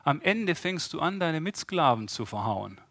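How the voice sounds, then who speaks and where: A man's voice: fairly high pitch, very animated, normal speed, a bit bright, no room sound. A man preaching an interactive sermon, often asking the congregation questions and acting out the voices he quotes.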